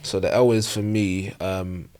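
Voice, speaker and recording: A man with a London accent chats as a guest on a podcast. His voice is on the low side. He speaks informally, with plenty of slang. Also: steady tone, measured pace, darkish tone, slight background noise. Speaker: podcast guest, social media content creator. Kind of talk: casual podcast chat. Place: podcast recording.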